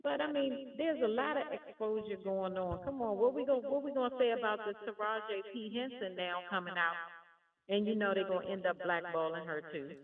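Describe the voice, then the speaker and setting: A woman's voice: mid-range voice, brisk. A woman calling in to a radio show over the phone, chatting casually and repeating herself. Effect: heard over the phone. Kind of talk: casual call-in comment. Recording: tinny distant phone line.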